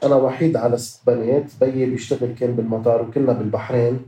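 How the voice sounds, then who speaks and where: A man's voice: mid-range voice, steady tone, racing, warm tone, soft background music. A man with a Lebanese accent telling his own story in an interview, slipping English words into his speech. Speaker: interview guest, activist. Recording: roomy echo.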